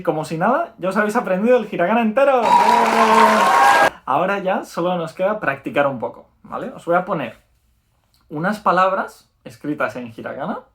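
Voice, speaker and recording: A man's voice: a little high, heavy background noise. Upbeat Spanish man teaching a lesson. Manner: explanatory, repeats words slowly and checks in with "¿vale?". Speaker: language teacher. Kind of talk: video lesson.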